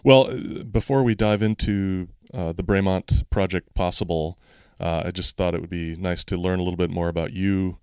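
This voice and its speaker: A man's voice: deep voice, fairly even intonation, moderate pace, hardly any pauses, darkish tone, clear, resonant tone. A man hosting a podcast, reading a scripted intro and then asking questions with some hesitation and repeated words. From United States. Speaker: podcast host. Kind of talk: casual interview, scripted intro.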